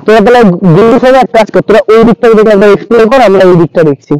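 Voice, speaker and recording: High, smooth-voiced young-sounding male vlogger. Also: very fast, a little mellow, no echo, rough recording. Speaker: ghost-hunting vlogger. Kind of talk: casual spontaneous vlog chat. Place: outdoors at night in a dark field.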